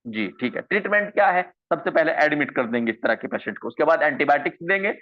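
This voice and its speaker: A man's voice: on the high side, expressive, fast talker. Guy teaching a medical class online, keeps repeating stuff and asking questions, tinny phone-ish audio. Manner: repeats key terms and asks rhetorical questions. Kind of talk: online coaching lecture.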